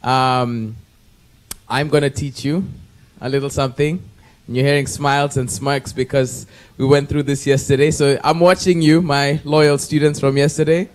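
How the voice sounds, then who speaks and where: A man in his thirties from Kenya introduces himself to a roomful of people. He talks in a playful, chatty way into a handheld mic, at an ordinary middle pitch. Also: level tone, normal speed. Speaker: conference participant. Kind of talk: self-introduction to an audience. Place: conference room with audience.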